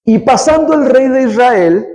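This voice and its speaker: A man's voice: very high-pitched, expressive, a little slow, darkish tone, poor audio. A man preaching a sermon, emphatic on key lines and chatty in his asides to the congregation. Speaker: pastor.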